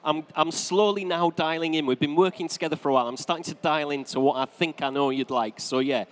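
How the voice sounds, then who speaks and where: A man's voice: fairly high pitch, steady tone, fast talker. A British man working as an auctioneer, calling live bids in formal, repetitive patter with bantering asides. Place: large auction saleroom. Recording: long reverberant hall sound.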